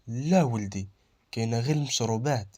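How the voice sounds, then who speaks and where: Man doing a polite older café owner, kindly and courteous, husky. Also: medium pitch, quick pace, a little mellow, natural voice.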